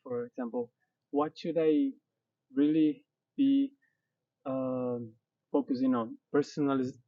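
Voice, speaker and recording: Halting man asking questions from off-mic. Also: medium pitch, fairly even intonation, no echo. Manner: halting, searching for words. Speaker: interviewer, school founder. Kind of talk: casual interview questions. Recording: distant, muffled mic.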